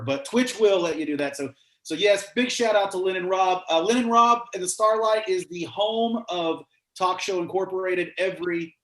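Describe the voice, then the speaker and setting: A man hosting a casual online trivia night, chatty and joking as he reads out the questions. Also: on the high side. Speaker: trivia host. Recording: roomy echo.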